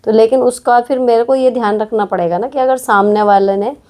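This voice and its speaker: A woman's voice: on the high side, fairly even intonation, fairly quick, dark tone. Frank, conversational woman host giving practical advice to viewers. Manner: direct, frank, chatty, with frequent tag questions. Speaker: host answering viewer questions. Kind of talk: casual advice talk.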